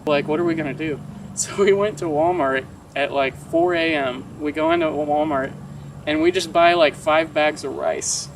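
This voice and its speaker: Gravelly young American guy telling stories. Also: on the high side, normal speed. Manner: animated storyteller acting out quoted dialogue. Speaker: vlogger telling a story. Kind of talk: casual anecdote with swearing. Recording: distant mic, clear outdoor traffic noise.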